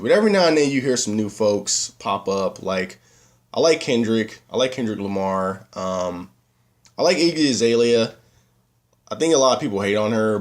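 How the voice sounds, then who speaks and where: Winded guy rambling on his vlog, gets ranty and animated. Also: lowish voice. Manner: rambling, breaks into animated rants. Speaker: vlogger. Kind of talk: casual vlog chat.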